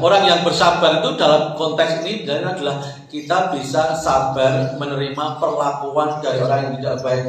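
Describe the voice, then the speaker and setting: A man's voice: high-pitched, bright, forceful tone. A man with a Javanese accent preaching a sermon in a mosque, questioning the congregation and jokingly mixing in English words. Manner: questions the congregation, calling them sir and ma'am. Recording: very echoey mosque hall.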